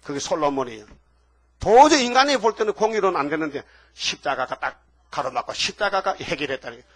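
Animated older preacher man. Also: fairly high pitch, quick pace, no echo. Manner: animated preacher, acts out biblical dialogue. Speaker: pastor. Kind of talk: sermon.

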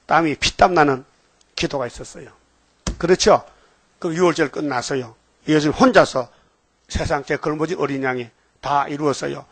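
A man preaching a sermon, telling stories in an animated way and calling out to his listeners for replies. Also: a little high, moderate pace, long pauses, no echo. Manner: animated storytelling, calls out for replies.

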